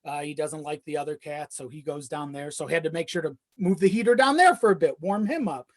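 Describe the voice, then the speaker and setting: A podcast guest tells rambling personal stories in casual chat, chuckling often and swearing offhandedly. His voice, though the speaker's sex isn't stated, sits mid-range and moves a little fast, recorded dry and close with no room sound.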